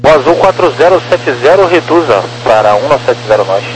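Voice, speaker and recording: A man's voice: a little high, animated, brisk, over music. A man giving procedural instructions as an air traffic controller, police-radio style, over a two-way radio. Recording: noisy aviation radio channel with hum.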